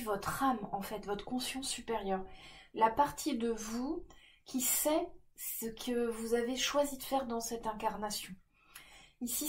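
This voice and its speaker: A woman giving a casual card-reading guidance, gentle and reassuring, with many fillers and restarts. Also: a little high. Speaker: tarot card reader.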